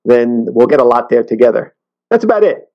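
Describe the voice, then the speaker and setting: A man talking as an interview guest, earnest and halting, often restarting his sentences. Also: mid-range voice, big pitch swings, lo-fi sound. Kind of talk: casual interview talk.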